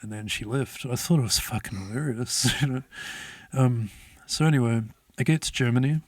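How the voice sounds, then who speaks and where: A man's voice: medium pitch, moderate pace, no echo. A man, telling a story as an interview guest in a laid-back way, swearing often and laughing as he goes. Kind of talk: casual storytelling.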